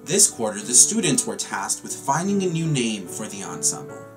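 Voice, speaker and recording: A man's voice: lowish voice, big pitch swings, normal speed, over music. Young man giving a formal choir introduction. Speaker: choir program narrator. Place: small room at home.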